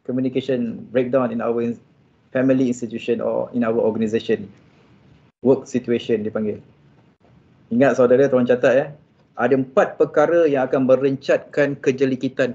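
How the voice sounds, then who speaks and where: A Malaysian man giving an animated religious motivational talk to civil servants, mixing in English phrases and speaking straight to the audience. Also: a little high. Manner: animated, mixes English phrases, often addresses audience directly. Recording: dull lo-fi sound.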